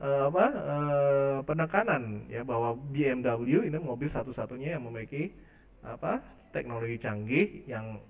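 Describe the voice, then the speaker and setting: A man's voice: medium pitch, normal speed, gravelly, recorded from a distance. Man lecturing, set back from the mic. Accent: Indonesian. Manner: mixes English phrases into Indonesian, many fillers. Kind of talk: online class lecture.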